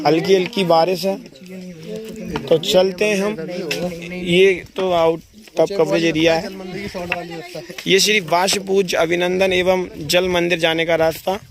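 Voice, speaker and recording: A man narrating a devotional pilgrimage vlog outdoors on a mountain trail, leading call-and-response chants. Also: high voice. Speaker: pilgrimage vlogger. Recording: crowd of pilgrims around.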